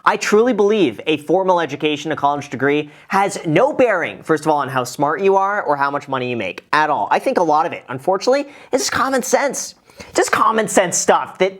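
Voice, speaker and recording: A man hosting his own show and reacting to a video in a chatty, self-deprecating way. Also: high-pitched. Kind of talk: casual reaction commentary.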